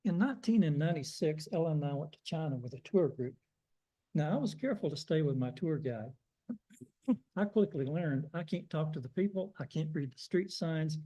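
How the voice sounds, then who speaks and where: A man's voice: on the high side, expressive, normal speed, dark tone, low-quality recording. An older American man telling folksy, self-deprecating stories in a sermon. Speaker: guest preacher. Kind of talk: storytelling sermon.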